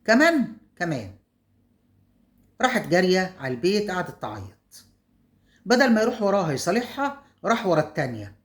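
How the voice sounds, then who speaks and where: A woman's voice: on the low side, very animated, fast. A woman with an Egyptian accent telling a story casually, chatty, with asides to her viewers. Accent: Egyptian Arabic.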